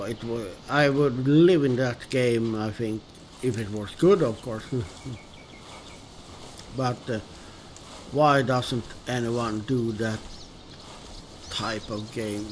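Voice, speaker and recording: A man from northern Sweden with a Swedish accent, commenting on his gameplay in a relaxed, hesitant, musing way with many pauses and restarts. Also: medium pitch, slight background noise. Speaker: gaming video host. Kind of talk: relaxed let's-play commentary.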